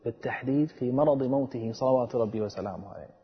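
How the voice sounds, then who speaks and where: A man preaching a sermon with earnest, dramatic storytelling and a husky voice. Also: medium pitch, quick pace. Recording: echoey and dull, long reverb.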